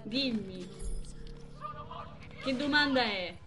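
A young woman streaming a game live, chatting with viewers and exclaiming excitedly over the action. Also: a little high, drawn-out words, over music. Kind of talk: live gameplay commentary.

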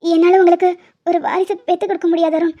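A woman voicing a gentle, self-blaming young wife in an animated drama, speaking softly and pleadingly. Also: very high voice, fast. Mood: tearful. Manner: soft, pleading. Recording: dull lo-fi audio.

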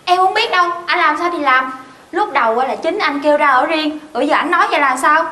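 Bright, high-voiced young southern Vietnamese bride-to-be. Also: female voice, fast talker. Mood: annoyed. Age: 20s. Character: stubborn, blunt young bride-to-be. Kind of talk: TV comedy skit acting. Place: indoors, tiled rooms. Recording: echoey room with clear noise.

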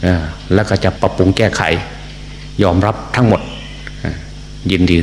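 An older monk with a Northeastern Thai accent preaches in a very low voice, unhurried and deliberate, often pausing and repeating his words. The sound is roomy, with a long reverb trailing off each phrase. A faint hum sits underneath. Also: darkish tone. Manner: slow, deliberate speech with repeated words and many pauses; frequent hesitation fillers. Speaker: Buddhist monk giving a sermon. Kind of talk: sermon. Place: temple hall. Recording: echoey hall recording with faint hum.

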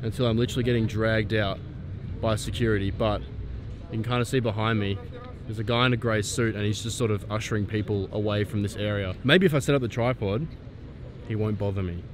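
A man's voice: on the low side, a little fast, noisy background. Laid-back young man vlogging outdoors. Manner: laid-back, swears freely, excitable. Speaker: photography vlogger. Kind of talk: casual vlog. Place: outdoors in a city and on a rooftop terrace. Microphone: handheld camera at arm's length.

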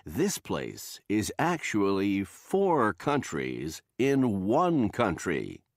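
A man voicing a game show host on a scripted textbook listening recording, with a slow, showy delivery. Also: lowish voice, wildly swooping pitch, dry recording, studio quality.

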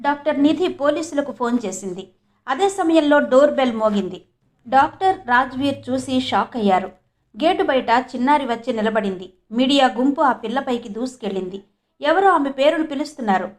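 A woman narrating a scripted story in an even, measured reading voice. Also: sits high.

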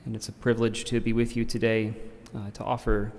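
A man around forty, a priest giving a funeral homily in gently paused, careful phrases. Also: lowish voice, little pitch movement. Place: church, at the lectern. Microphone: gooseneck lectern microphone. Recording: reverberant church.

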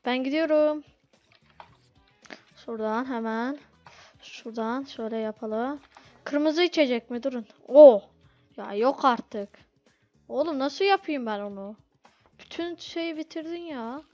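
Playing a restaurant game for a video, this woman gets flustered and begs her impatient customers to wait, speaking in a high-pitched, slightly mellow voice. She is unhurried and pauses often. Game music plays under dull, lo-fi audio.

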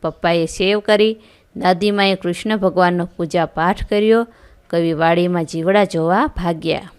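Clear-voiced woman teaching a lesson. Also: on the low side. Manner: clear and measured, reads questions then answers. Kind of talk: reading a textbook lesson aloud.

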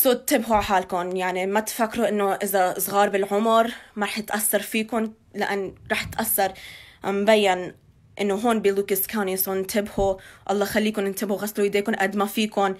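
A woman's voice: medium pitch, little pitch movement, fast talker. A woman in her twenties with a Levantine Arabic accent, giving an informal live news update into a phone held at arm's length indoors. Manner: code-switches between Arabic and English. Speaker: local news reporter giving community updates. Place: small indoor room.

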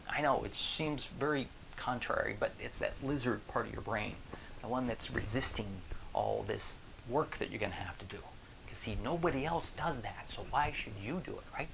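A man in his forties, a motivational speaker, talking straight to the camera in an animated, joking way, recorded on a lapel mic in a small room. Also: medium pitch, creaky, a little hiss or hum, poor audio. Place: small indoor room with a screen behind.

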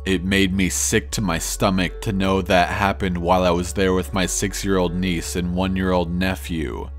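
A man narrating true scary stories in a slow, measured storytelling manner. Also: low-pitched, flat delivery. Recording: faint music under the voice.

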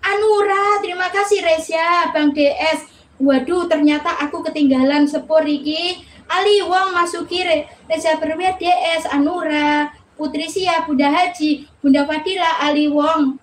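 Woman, high-pitched, chatty live-stream host greeting viewers; faint background noise. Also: steady tone, a little slow. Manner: chatty, reads viewer names aloud, laughs often.

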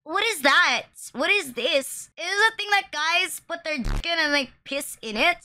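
High, bright-voiced swearing streamer woman. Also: animated, moderate pace. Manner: loud, swears a lot, laughs often. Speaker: VTuber streamer reacting to memes. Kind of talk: casual reaction commentary.

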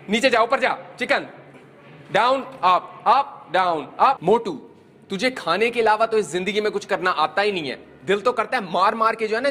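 A man's voice: sits high, pushed and bright, reverberant, recorded from a distance. A man playing a harsh male schoolteacher who mocks his students and barks orders, in a comedy sketch. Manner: bossy, mocking, barked commands.

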